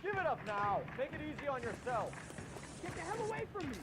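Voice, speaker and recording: Combative man in a forties police game, strained, swooping high voice. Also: sing-song, a little fast. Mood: aggressive. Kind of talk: dramatic video game acting. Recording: loud music and street sounds behind.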